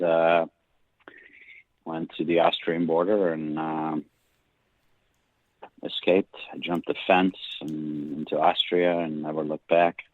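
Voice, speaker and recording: A middle-aged man from Hungary with a Hungarian accent, telling his story as a guest in a relaxed interview, halting with many restarts. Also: extremely low pitch, no room sound. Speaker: guest screenwriter. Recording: dry tinny phone-like line.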